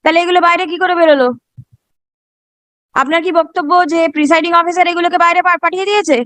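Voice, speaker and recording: A woman's voice: very high-pitched, fairly even intonation, fast, a bit bright, dry recording. A woman with a Bengali Indian accent questioning someone as a judge in court, probing and repeating her questions pointedly.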